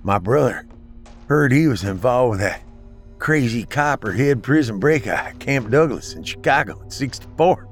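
Man voicing a wounded Confederate raider; slurred, breathy, a notch higher than the narrator, soft music under. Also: lively intonation, normal speed, close to an everyday voice. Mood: pleading. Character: male Confederate bushwhacker soldier, bitter.

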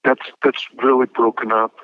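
A man in his fifties speaking as an incarcerated interview guest over a prison phone line, measured and a little hesitant, with small restarts. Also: mid-range voice, little pitch movement, dry recording. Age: 50s. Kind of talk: telephone interview. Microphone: prison telephone handset. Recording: muffled phone line, dry.

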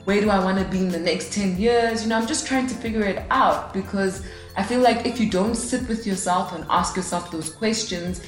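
Hosting her podcast by herself at a studio mic, a woman in her late twenties chats in an upbeat way and jokes at her own expense. She speaks at normal speed in a mid-range voice, in an echoey room with soft music playing.

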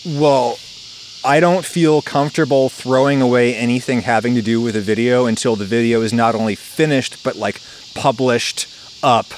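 A man's voice: medium pitch, steady tone, normal speed. Wry man podcasting outdoors amid insect noise. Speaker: podcast host. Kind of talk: casual conversational podcast. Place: outdoors in a backyard at home. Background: loud chorus of cicadas, some frogs.

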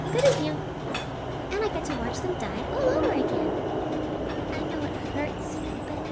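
A woman's voice: sits high, very noisy. A woman voicing an inhuman entity in the form of a little girl, speaking in an innocent, cheerful tone in a horror audio drama.

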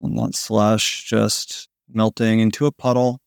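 A man narrating a guided sleep meditation in a slow, soothing manner with long pauses, like a sleep story narrator. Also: fairly low pitch, flat delivery, creaky, clear, resonant tone, no room sound, studio quality. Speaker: podcast host guiding a sleep meditation.

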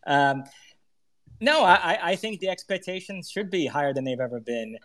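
A man's voice: a little high, lively intonation, moderate pace, fairly bright tone. A man on a casual sports talk podcast, reasoning through his points in an analytical, hedged way. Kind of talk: casual sports talk on a live audio chat.

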